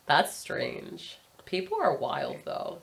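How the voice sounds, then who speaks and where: Female podcast guest, casual, quick reactions, profane. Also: lowish voice, huge pitch swings, gravelly, a bit bright. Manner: chatty, swears, quick reactions.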